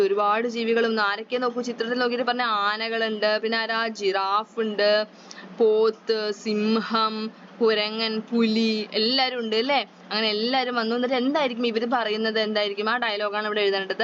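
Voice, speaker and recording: A woman teaching a children's workbook lesson with a Malayali accent. She asks question after question and answers them herself, and she reads the story lines slowly. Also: fairly high pitch, fairly bright tone. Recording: slightly dull audio, faint background noise.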